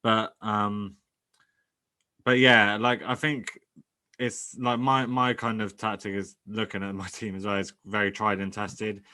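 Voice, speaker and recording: A man chatting casually as a podcast host. His voice sits on the low side but has a bright, forceful edge. He talks in halting bursts, full of fillers and restarts. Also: little pitch movement. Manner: hesitant, many fillers and restarts.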